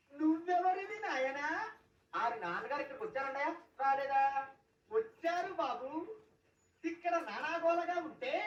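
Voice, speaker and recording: A woman's voice: sits high, recorded from a distance. A woman acting out comic skits theatrically, switching between characters. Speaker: comedy sketch performer. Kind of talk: acted comedy skits. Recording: roomy, off-mic, dull lo-fi sound.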